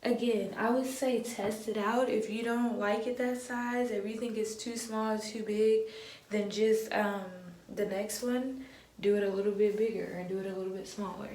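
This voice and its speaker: A woman's voice: medium pitch, moderate pace. Chatty young woman, echoey room. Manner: chatty, relaxed, addresses viewers as y'all. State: groggy, just woke up. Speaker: hair tutorial vlogger. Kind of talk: casual how-to tutorial. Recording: echoey room with faint ambience.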